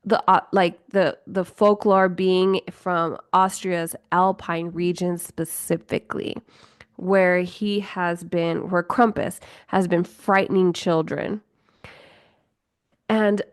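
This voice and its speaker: A woman host chats on her solo podcast at an unhurried, drawn-out pace. She rambles, swears freely and fills gaps with "like" and "you know". The sound is dry and close, with no room echo. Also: on the low side, fairly even intonation. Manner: rambling, swears, laughs often, many fillers. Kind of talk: casual solo podcast chat.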